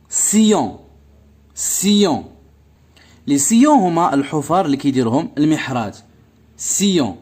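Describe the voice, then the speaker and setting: A man leads a phonics lesson, repeating each word slowly and clearly. His voice sits a little high and rises and falls a lot. He mixes French with Arabic as he explains. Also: a little mellow. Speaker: teacher. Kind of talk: slow, repetitive phonics lesson.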